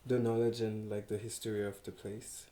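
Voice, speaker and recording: In an echoey little farmhouse room, a young French-accented man from Paris, appearing as a textile artist guest, chats casually at a moderate pace. His voice is lowish and warm with little pitch movement, and his talk is peppered with hesitations, restarts and laughs.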